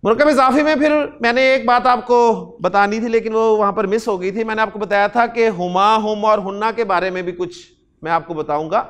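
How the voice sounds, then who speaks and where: A Pakistani man gives a classroom lecture on Arabic grammar, explaining step by step, slowing to spell out Arabic words and answering his own questions. His voice sits high and sounds somewhat bright, clear, and resonant.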